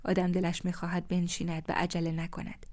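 A slow, reflective elderly widower from a storybook, read by a woman without much change of voice. The tone is low and mellow. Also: completely flat delivery, close to an everyday voice. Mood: wistful. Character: elderly widowed neighbor man, gentle and wistful.

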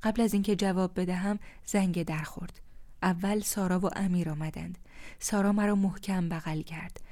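A woman reads a first-person story aloud in a calm, measured, contemplative way. Her voice sits low and sounds mellow and dark. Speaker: narrator.

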